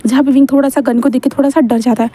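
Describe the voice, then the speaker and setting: A woman's voice: high voice, fairly even intonation, racing, dark tone. A woman casually reading a fan-fiction story aloud, chatty and correcting herself as she goes.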